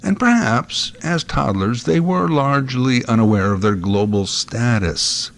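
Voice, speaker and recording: A man's voice: medium pitch, expressive, measured pace, creaky, faint music behind. A man giving scripted documentary narration in a conversational way, recorded on a close microphone.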